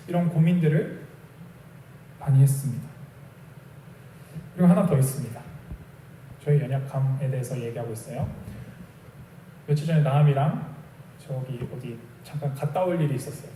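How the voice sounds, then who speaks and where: A man's voice: on the high side, warm tone, echoey room, distant mic, a little hiss or hum. A young adult man preaching a sermon as a pastor, telling a personal story in a conversational way and acting out bits of dialogue. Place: small church sanctuary.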